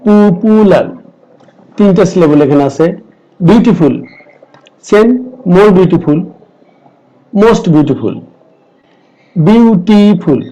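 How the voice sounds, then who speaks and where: A middle-aged man with a Bengali accent, teaching an online grammar lesson and slowly repeating lists of words. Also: fairly high pitch, expressive, mellow, lo-fi sound. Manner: slow, deliberate, repeats word lists. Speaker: English teacher.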